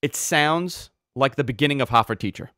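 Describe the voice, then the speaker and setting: A podcast host with a mid-range voice tells stories animatedly at a moderate pace, repeating words when excitement takes over. It's a casual podcast chat, recorded dry and at studio quality.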